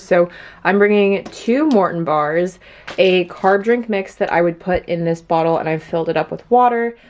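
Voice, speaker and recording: A woman's voice: mid-range voice, a little mellow. A young woman chatting casually in a vlog, upbeat and full of "like". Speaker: vlogger. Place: home kitchen.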